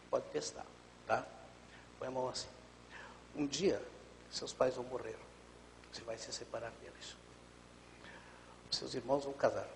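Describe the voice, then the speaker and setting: A pastor, calm and explanatory, often letting his sentences fade softly. His voice sits in a middle pitch for a man. The studio adds a long reverb tail and a faint hiss. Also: gravelly. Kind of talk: live TV studio talk.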